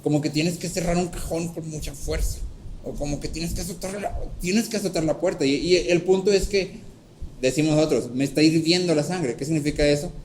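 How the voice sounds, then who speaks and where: A man preaching a sermon, teaching step by step and often checking in with a quick "¿sí?", and acting out a story with lively voices. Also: a little high, slight background noise, low-quality recording. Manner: checks in with frequent "¿sí?". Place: church hall.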